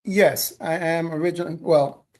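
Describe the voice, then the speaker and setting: A man from Jamaica, a DJ guest answering interview questions in a laid-back, measured way. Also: a little high, steady tone, darkish tone.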